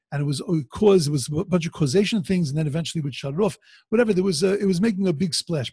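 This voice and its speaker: A man giving an informal religious lecture like a teaching rabbi, conversational and halting, repeating phrases and posing questions that he answers himself. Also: on the high side, vocal fry, a little mellow, husky, no echo.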